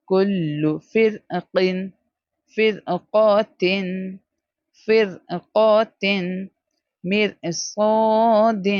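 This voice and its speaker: Gravelly woman teaching slow recitation. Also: on the low side, a little mellow, no room sound. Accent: Pakistani Urdu. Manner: drawn-out syllables, quick asides. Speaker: Quran reading teacher. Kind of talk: slow spelled-out recitation lesson. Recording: dull lo-fi audio.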